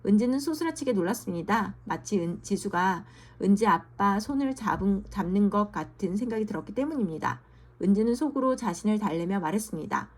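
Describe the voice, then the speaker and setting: Gentle woman reading a children's book. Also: mid-range voice, a little fast. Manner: gentle, steady reading with small slips. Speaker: storyteller.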